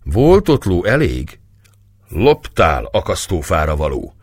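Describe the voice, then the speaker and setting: A man's voice: sits low, huge pitch swings, slightly rough, no room sound, exaggerated voice. A man voicing a hearty, teasing young lieutenant in a dry audiobook recording.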